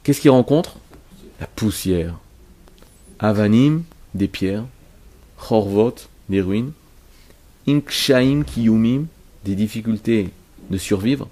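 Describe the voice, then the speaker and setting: A man's voice: lowish voice, slow pace, long pauses, warm tone. Emphatic male Torah teacher. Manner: emphatic, explanatory, often repeats and restarts. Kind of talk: religious lesson to a class.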